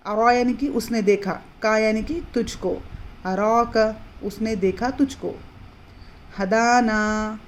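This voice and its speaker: A woman teaching Quran reading in a patient, explanatory way, repeating words slowly and drawing them out. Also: on the high side. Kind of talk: slow explanatory lesson.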